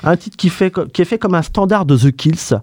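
A male radio host gushes over an album, piling up superlatives and stumbling through fillers. His voice is mellow and warm, and the studio sound is dry and close. He talks in the relaxed manner of an enthusiastic music review chat. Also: high-pitched, fairly quick, dry recording. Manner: effusive, repeats praise words, many fillers.

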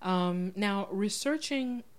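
A woman hosting a casual interview, chatty and relaxed, laughing often and filling pauses with "um" and "uh.". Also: mid-range voice. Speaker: podcast host.

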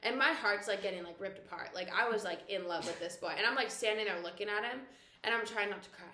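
A young woman co-hosting a casual podcast, telling stories in an animated way with lots of "like.". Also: medium pitch, quick pace, a little hiss or hum. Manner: animated storytelling, heavy "like" filler. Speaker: podcast co-host. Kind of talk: casual chat. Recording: echoey room.

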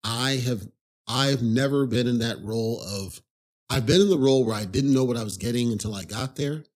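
Husky-voiced man telling a rambling story. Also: mid-range voice, normal speed. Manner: rambling, conversational, frequent "you know" asides. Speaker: podcast host. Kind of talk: casual storytelling monologue.

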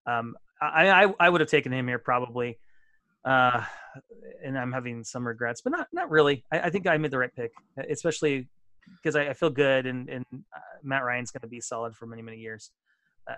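Man, podcast co-host, bright forceful voice, dry close sound, casual chat, self-deprecating, stumbling restarts. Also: medium pitch, no room sound.

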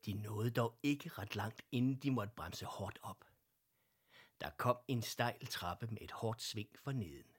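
A man narrating a children's story in a gentle, soft way. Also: fairly low pitch, husky.

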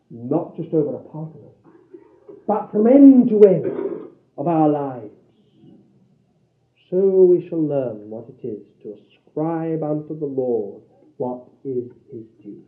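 Man preaching slow n dramatic, loud then hushed, old echoey recording from a big room. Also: lively intonation, narrow, tinny audio. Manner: dramatic, swinging from loud declarations to hushed low phrases; slow, deliberate, repeating phrases for emphasis. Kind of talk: sermon.

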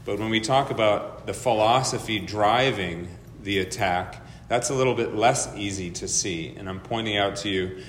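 A man teaching an adult church class and leading a prayer, often repeating words as he thinks, his voice echoing through a large church hall. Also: normal speed. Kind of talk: lecture with opening prayer. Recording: echoey hall reverb with faint rumble.

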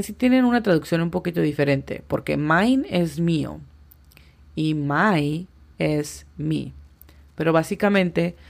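A woman's voice: low-pitched, gravelly. A woman teaching English on a podcast, patiently explaining step by step and spelling out pronunciations. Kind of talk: podcast language lesson.

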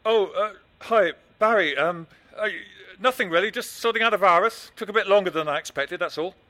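An actor playing an ordinary, attentive husband in a naturalistic drama, soothing and slightly hesitant. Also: male voice, high-pitched, fairly quick, pushed and bright. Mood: awkward, evasive. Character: attentive, placating husband, an ordinary office worker.

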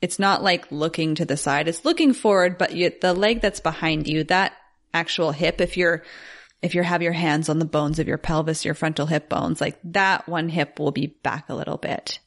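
A woman with a notably low voice describes yoga postures and her own practice in a casual podcast chat. She talks loosely, filling her sentences with "like" as she explains. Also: fairly even intonation, normal speed. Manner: chatty, full of "like".

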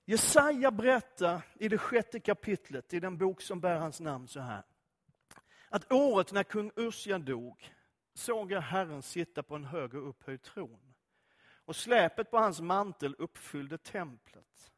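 A man's voice: high voice, lively intonation, a bit bright. A man preaching a sermon, reading scripture and talking to listeners in a conversational way full of direct questions.

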